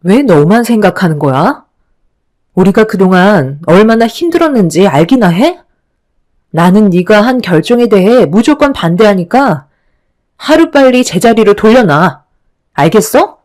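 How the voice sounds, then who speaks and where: A woman's voice: mid-range voice, animated, measured pace, a little mellow, natural voice. A woman voicing an older sister who harshly scolds her younger sibling in a radio story reading. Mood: angry scolding. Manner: harsh, reproachful lecturing.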